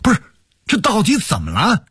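A man's voice: sits low, sing-song, moderate pace, breathy edge, no echo, clean studio sound, exaggerated voice. A man voicing a middle-aged man returning home, hearty at first and then stunned. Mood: urgent. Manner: hearty calls, then disbelieving murmur.

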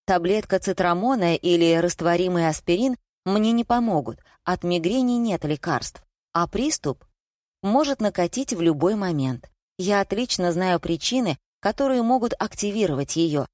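A woman narrating a first-person story with a wry, ironic touch. Her voice sits somewhat low. The studio recording is dry and close. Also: lively intonation, normal speed, a little mellow, no room sound. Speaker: audiobook narrator.

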